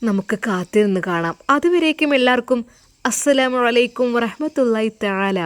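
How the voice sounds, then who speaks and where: A woman's voice: fairly high pitch, animated, moderate pace. A woman from Kerala narrating a dramatic story, lingering emotively on key words.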